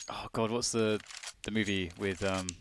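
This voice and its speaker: A man's voice: on the low side, little pitch movement, moderate pace. Chatty male esports commentator. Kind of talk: live play-by-play commentary. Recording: light background noise with game gunfire.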